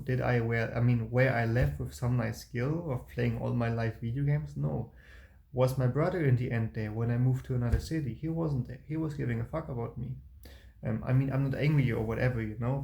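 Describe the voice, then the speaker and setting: Young man, gravelly mellow voice, rambling hesitant monologue, roomy echo. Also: mid-range voice. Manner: rambling and hesitant, with many restarts and broken grammar. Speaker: vlogger. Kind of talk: personal reflective monologue.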